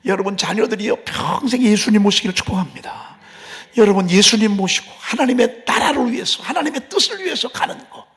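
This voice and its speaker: A man preaching an early-morning sermon in a church, impassioned, moving between loud cries and hushed whispers. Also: high voice, animated, a little fast, few pauses. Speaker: pastor. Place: church sanctuary.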